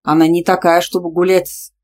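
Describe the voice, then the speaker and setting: A woman's voice: fairly low pitch, flat delivery, fairly quick, a little mellow, natural voice. A woman voicing a polite young man who stammers and hesitates. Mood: flustered. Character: polite, flustered young man, hopeful friend.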